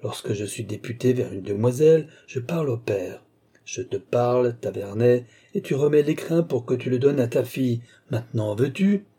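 A man's voice: mid-range voice, expressive, normal speed, mellow, slightly rough. A man voicing an aged, mannered court duke who mocks and lectures in an affected, theatrical way. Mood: sly mocking.

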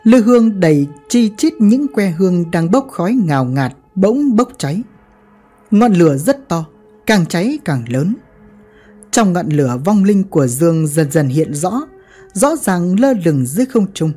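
Lively low-voiced woman storyteller. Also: a little slow, breathy edge. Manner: lively dramatic telling. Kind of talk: dramatic story narration. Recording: faint background music.

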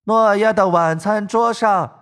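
A man's voice: sits high, a bit bright, pitched above the performer's own voice. A man voicing an eerie little wooden puppet in an audiobook, its voice hollow, distant and disembodied, drawn out and ominous. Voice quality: slow, drawn-out eerie delivery. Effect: hollow, distant, disembodied ghostly voice. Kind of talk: audiobook narration.

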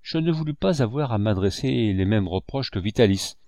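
Expressive male audiobook narrator. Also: fairly low pitch, no room sound, studio quality. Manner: expressive, measured storytelling. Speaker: audiobook reader.

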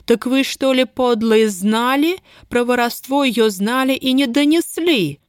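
A shrill, cutting voice of a cruel lady estate manager, as a woman narrator puts her on. She barks orders with open contempt, pitched well above the reader's own tone, in a dry, close storybook reading. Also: a little slow, smooth, no echo, natural voice. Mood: imperious, scornful. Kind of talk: audiobook character voice.

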